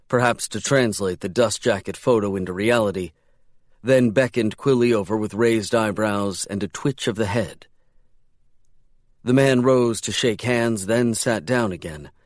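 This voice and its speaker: A man reading a short story aloud as an audiobook narrator in a calm, even storytelling manner. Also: on the low side, no room sound, clean studio sound.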